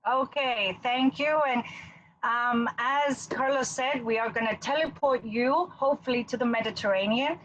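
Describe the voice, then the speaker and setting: A woman's voice: fairly high pitch, normal speed, fairly bright tone, highs cut off, slight background noise. A woman from England, a cruise line vice president chatting and telling stories on a video call. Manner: chatty, storytelling, laughs often. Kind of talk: casual video call presentation.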